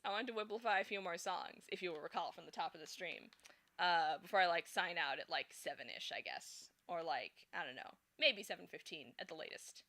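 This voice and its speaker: A woman's voice: lowish voice, sharp tone. A woman chatting casually on a live stream, rambling with lots of fillers and laughing often, and sometimes slipping into a slight lisp. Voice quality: slips into a slight lisp at times. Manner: rambling and giggly, many fillers.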